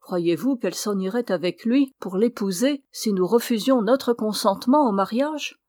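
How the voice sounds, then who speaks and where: A woman voicing a proud, controlling elderly mother who speaks in a calm, measured, quietly persuasive way, in a dry recording. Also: mid-range voice, dry recording, natural voice. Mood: coolly persuasive.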